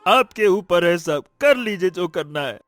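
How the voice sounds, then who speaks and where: A man voicing a gentle, patient younger son in an animated story, speaking softly and respectfully. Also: high voice, a little slow, dry recording, faint music behind. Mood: pleading. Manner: soft, pleading, respectful.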